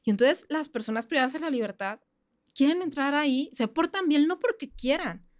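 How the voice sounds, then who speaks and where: A woman with a Mexican accent, a criminologist guest on a podcast, explaining things in a chatty way with quick asides. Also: high-pitched, lively intonation, dry recording, studio quality. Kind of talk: casual podcast interview.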